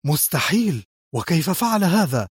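A man's voice: medium pitch, lively intonation, brisk, a little mellow, no room sound, studio quality, lightly acted. A man reading a storybook voices an anxious female spy who answers her boss in a worried, nervous way. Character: anxious, tense female spy, loyal aide.

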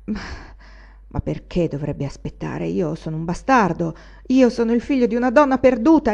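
A woman voicing a restless, quick-tempered young male student, speaking in an impassioned, brooding way. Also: on the high side, a little mellow, muffled recording, voice pushed up, natural voice.

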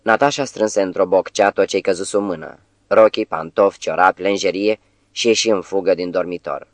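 A man reading an audiobook as scripted narration, measured, with phrase ends that soften and trail off. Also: low voice, dry recording.

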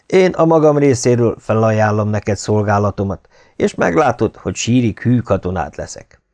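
A man's voice: on the low side, expressive, a little mellow, dry recording. A man voicing a loyal, devoted Spanish soldier in an audiobook, speaking solemnly and earnestly. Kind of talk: audiobook character reading.

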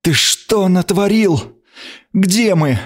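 A man's voice: high voice, animated, a little slow, voice pushed up. A man reading an audiobook, voicing a haughty, frightened queen who speaks imperiously. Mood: alarmed. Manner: imperious, hissing, indignant. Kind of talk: audiobook character voice.

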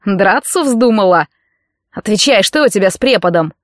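A woman's voice: on the high side, animated, moderate pace, no echo, studio quality, natural voice. A woman voicing a brutal, jealous young male football player who growls and sneers. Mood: menacing.

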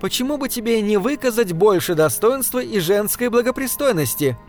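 A woman's voice: on the high side, normal speed, faint music behind, voice pushed up, natural voice. Coldly polite lady, read by a man. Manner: politely soothing, coldly calm. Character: cold composed lady leading the group.

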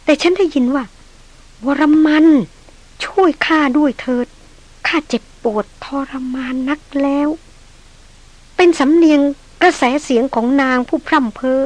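A woman's voice: high-pitched, normal speed, dry recording, voice pushed up, lightly acted. A woman reading the lines of an uneasy young noblewoman who exclaims anxiously. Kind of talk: audiobook character reading.

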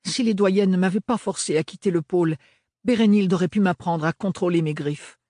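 A woman's voice: fairly low pitch, fairly quick, mellow, dry recording, studio quality, pitched above the performer's own voice, natural voice. A man reading an audiobook, voicing a guarded, stubborn young woman who speaks curtly and warily. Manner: curt, wary.

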